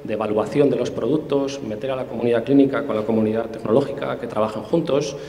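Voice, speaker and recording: He has a warm, mid-range voice with fairly even intonation and a fast delivery. As an interview guest and tech specialist, he explains things conversationally, often hesitating and starting over, in a roomy hall with long reverb.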